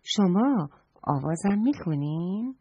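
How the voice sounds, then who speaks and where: A woman's voice: lowish voice, animated, dark tone, breathy edge, no echo. A woman voicing a curious young boy who politely asks around about a birdsong, on a dull lo-fi recording. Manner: eager, polite questioning.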